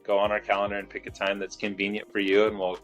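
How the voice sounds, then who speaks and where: A man's voice: lowish voice, quick pace, faint music behind. A man from Southern California, a fitness studio owner talking casually as a guest in an interview, with lots of fillers. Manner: relaxed, many fillers.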